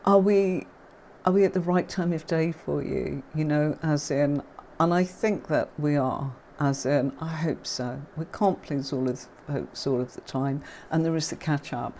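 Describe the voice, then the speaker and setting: A middle-aged woman with a notably low voice hosts a tarot live stream. She chats in a relaxed, grateful way and greets her followers by name. A faint background noise sits under her voice. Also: a little slow. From father is Irish. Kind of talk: casual live-stream chat with viewers.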